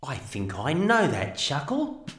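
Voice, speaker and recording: A grumbly, sensible male dog, as a man voices him, swinging widely in pitch. He speaks slowly and in an echoey space with soft music behind. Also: wildly swooping pitch, distant mic, a little hiss or hum, exaggerated voice. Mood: wary.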